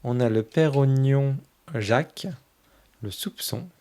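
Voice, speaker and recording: A man hosting a tarot channel, casually flipping through a new oracle deck and fondly commenting on each card in a soft voice that often trails off. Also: mid-range voice, takes it slowly, clean tone.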